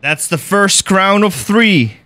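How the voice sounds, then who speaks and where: A high-voiced young man from the Netherlands talks at a slow pace, a faint hiss or hum underneath, while streaming a game live indoors from his gaming room. With a Dutch accent, he's excitable, swears freely, and reads chat aloud as he chats with viewers.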